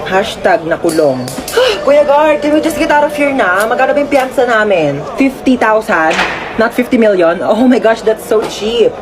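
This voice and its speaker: A woman acting out comic sketches, playing several everyday characters in an animated, playful way. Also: fairly high pitch, moderate pace. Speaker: comedy sketch creator. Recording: music playing underneath.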